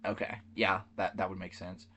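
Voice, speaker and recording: A man's voice: low voice, flat delivery, moderate pace, bright, forceful tone. A man co-hosting a podcast, casually recapping a movie plot with lots of fillers and restarts. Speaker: podcast co-host.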